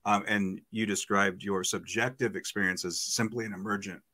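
Guy asking careful questions with lots of ums, somewhat low bright voice. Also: steady tone, moderate pace. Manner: hesitant questioning with "um"s. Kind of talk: casual debate over a call.

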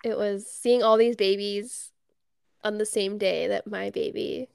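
A woman's voice: medium pitch, steady tone, a little slow, creaky, a little mellow, clean tone, no room sound, clean studio sound. A young woman co-hosting a podcast, telling an emotional family story in a chatty way with frequent laughter. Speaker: podcast co-host. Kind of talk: casual chat.

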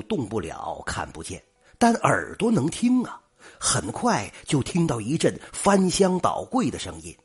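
An older man tells a folk tale with dramatic flair. His husky voice leaps widely in pitch from phrase to phrase. He speaks at a middle pitch. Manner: dramatic, lively. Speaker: storyteller.

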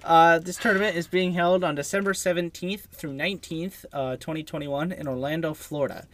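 Casual young man hosting, halting. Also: fairly high pitch, fairly even intonation, fairly bright tone. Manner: rambling, halting, with many fillers and restarts. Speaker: podcast host. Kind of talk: casual student podcast chat.

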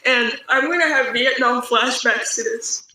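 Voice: mid-range voice, measured pace, pushed and bright, heavy reverb, far from the mic, a little hiss or hum, rough recording. A young person joking and giggling in banter with friends.

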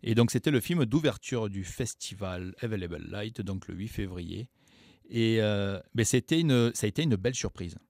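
Guy co-hosting a radio show, kinda low voice, dry studio sound, just chatting away about a movie. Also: moderate pace, no room sound. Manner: relaxed, chatty retelling of a film. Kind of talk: casual radio chat.

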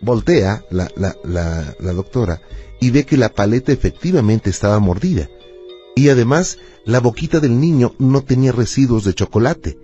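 A calm male radio host who explains things patiently and tells stories at an unhurried pace. His voice sounds warm and mellow. The recording is a muffled lo-fi radio broadcast with faint music underneath. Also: medium pitch. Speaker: radio host and spiritual adviser. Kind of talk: call-in radio conversation.

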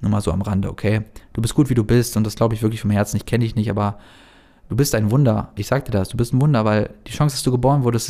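A man talking fast and earnestly to the viewer about meditation and self-belief, in a casual motivational style. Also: medium pitch, creaky, mellow. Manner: fast-talking, earnest, addresses the listener directly. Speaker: self-help coach.

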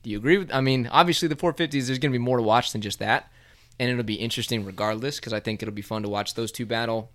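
A man's voice: mid-range voice, fast talker, a bit bright. Chatty man on a motocross podcast. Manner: chatty, self-deprecating, laughs easily. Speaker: podcast co-host. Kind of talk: casual chat about motocross.

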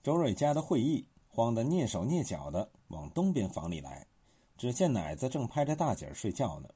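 A man reading scripted literary commentary in a measured way, with expressive pitch. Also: husky. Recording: dull lo-fi recording.

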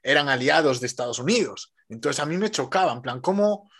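A man in his thirties hosts the interview with a somewhat high voice. He talks in a colloquial, relaxed way and fills his speech with casual expressions. He tells his own stories calmly. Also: a little fast. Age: 30s.

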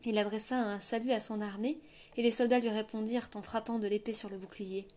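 A woman narrating a fantasy novel in a steady, measured storytelling voice. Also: medium pitch. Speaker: audiobook narrator. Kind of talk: scripted narration.

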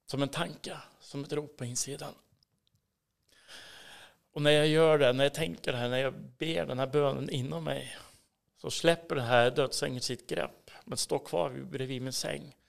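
A man's voice: mid-range voice, steady tone, vocal fry. A man with a Swedish accent telling his personal faith story in an interview, earnest and intense, sometimes dropping to a whisper. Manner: earnest, swings between hushed whispers and emphatic bursts. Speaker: interview guest. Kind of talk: personal testimony in a casual interview.

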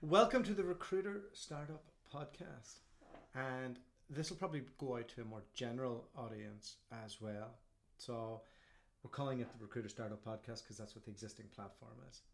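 A man's voice: mid-range voice, fairly even intonation, fairly quick, vocal fry, few pauses. A man with an Irish accent, hosting a podcast and interviewing in a casual, conversational way. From Ireland. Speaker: podcast host.

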